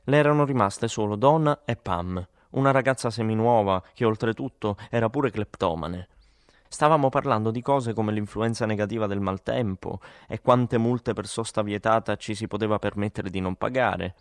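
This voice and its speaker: Male audiobook narrator, low register, dry close read, plain matter-of-fact first-person storytelling. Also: moderate pace, smooth, dry recording. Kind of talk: scripted literary narration.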